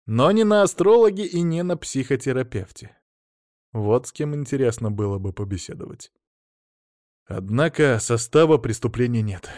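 A man reading an audiobook aloud in an ironic, lively storytelling manner. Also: mid-range voice, no room sound, clean studio sound. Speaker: audiobook narrator. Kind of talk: audiobook narration with acted dialogue.

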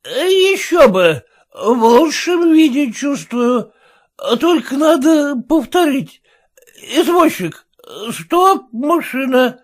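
Man doing a drunk merchant guest, high pitched, loud, slurring, slow and drawn out. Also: big pitch swings, heavily acted. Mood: tipsy boisterous. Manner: slurred, boisterous, shouting commands.

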